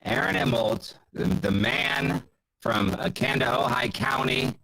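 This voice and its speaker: A man's voice: fairly low pitch, big pitch swings, unhurried, vocal fry, pushed and bright, slightly rough. A man hosting a live stream, whose microphone makes his voice come through half robotic and garbled. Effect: garbled half-robotic audio from a misset microphone. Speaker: streamer who hosts a call-in show. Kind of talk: casual live-stream chat. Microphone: desktop microphone over a live-stream call. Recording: distant, robotic-sounding web call.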